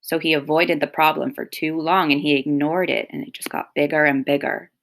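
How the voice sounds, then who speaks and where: Reading a picture book to children, this woman is expressive and breaks off at times to explain and remark on the story for the little ones. She has a low-pitched voice with vocal fry and a flat delivery.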